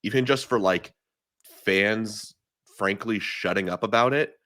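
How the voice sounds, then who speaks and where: A man's voice: on the low side, a little slow, a bit bright, dry recording, studio quality. A man giving emphatic, opinionated takes as a guest in a casual podcast chat, often restarting his sentences. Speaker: guest analyst.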